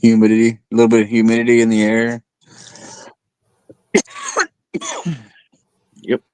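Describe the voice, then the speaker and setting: A man's voice: mid-range voice, completely flat delivery, measured pace, darkish tone, clear, resonant tone, no echo, rough recording. A man in his late thirties chatting casually, laughing often and swearing freely. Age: 30s. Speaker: chat participant. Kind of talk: casual chat.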